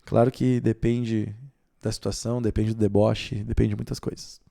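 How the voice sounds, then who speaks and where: Gravelly-voiced man teaching. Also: fairly low pitch, normal speed. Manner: lively and explanatory, with rhetorical questions and stressed key words. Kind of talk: exam-prep video lesson.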